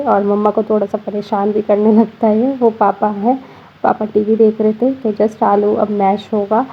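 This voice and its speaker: A woman's voice: on the high side, slightly rough, phone-quality sound. A tired young woman with a slight cold, narrating her daily vlog in a chatty voice-over full of fillers. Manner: chatty, frequent fillers like 'matlab'. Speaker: vlogger. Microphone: voice-over recorded separately.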